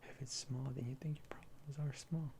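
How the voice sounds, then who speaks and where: A person in an ASMR role-play as a therapist, explaining and reassuring gently in a halting, hesitant way. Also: mid-range voice, fairly even intonation, background noise.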